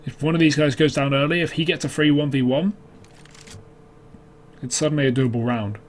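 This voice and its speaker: A man's voice: fairly high pitch, steady tone, brisk. A man commentating on an esports match as a caster, mixing clipped calls with conversational analysis.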